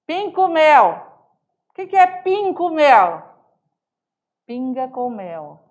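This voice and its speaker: A woman teacher giving an online high school lesson, explaining example words and often checking in with her students. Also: very animated, slow pace, a little mellow. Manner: explanatory, keeps asking "né?" and drawls example words.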